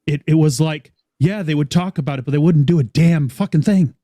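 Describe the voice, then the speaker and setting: A reflective man speaks in a warm, mellow voice with a dry, close sound. He talks slowly, weighing his words, and drops the occasional curse. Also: on the high side, dry recording. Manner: measured, reflective, occasional swearing. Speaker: panel guest. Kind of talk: casual panel chat.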